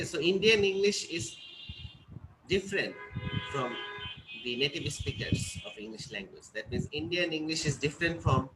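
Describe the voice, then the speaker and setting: Male English teacher, fairly high voice, deliberate classroom lecture, noisy recording. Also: a bit bright. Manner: explains slowly, often checks "is it clear?".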